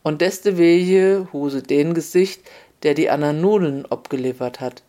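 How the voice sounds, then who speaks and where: A storyteller with a narrates a comic folk tale in a relaxed, wry manner. The voice sits at a middling pitch and moves at an unhurried, even pace.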